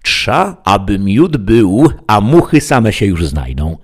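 A rustic, proverb-loving squire, played by a man reading the story aloud. His husky voice climbs higher as he boasts, though it stays rooted in a low register. He pours out sayings one after another. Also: sing-song, slow, exaggerated voice. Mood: boastful. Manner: strings proverbs together, rises in pitch.

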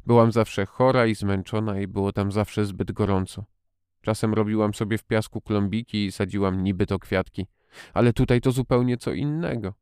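A man's voice: lowish voice, fairly even intonation, moderate pace, darkish tone, clean tone, no room sound, studio quality, lightly acted. A man voicing a shy young girl who stammers and pleads hesitantly, read as an audiobook character. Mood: timid pleading.

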